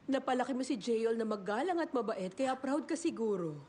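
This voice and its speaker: A woman's voice: on the high side, animated, fairly quick, darkish tone, lightly acted. Woman voicing a teasing middle-aged mom. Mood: kind. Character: cheerful middle-aged wife and mother. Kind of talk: Tagalog dub of a drama.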